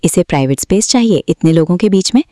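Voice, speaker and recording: A woman's voice: lowish voice, expressive, fast talker, mellow, no echo, clean studio sound, voice pushed up, lightly acted. A woman voicing a sarcastic young woman friend in a storybook.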